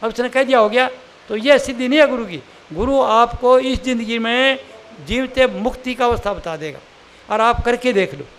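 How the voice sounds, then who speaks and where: A man's voice: very high voice, normal speed, fairly bright tone. An older man from India giving a spiritual sermon in a plain, conversational teaching manner with everyday examples. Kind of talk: satsang sermon.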